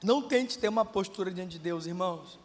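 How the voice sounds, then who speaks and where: A male pastor preaching a sermon with passion, moving from quiet talk to shouted prayer. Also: sits high, a little fast, in a large hall. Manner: impassioned, swings from quiet to shouting. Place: church.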